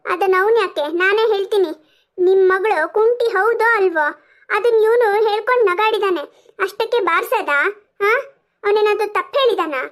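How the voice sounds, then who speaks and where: A haughty cartoon mother scolds and sneers with open scorn, as a woman plays her. Her voice is very high and sharp-edged. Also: normal speed. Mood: scornful.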